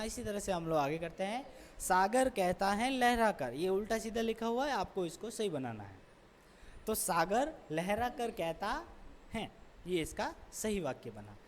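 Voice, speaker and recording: A woman's voice: medium pitch, a little hiss or hum. A woman teacher explaining a lesson patiently, step by step, repeating each answer. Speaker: school teacher. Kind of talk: recorded classroom lesson explanation. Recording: long echoing reverb.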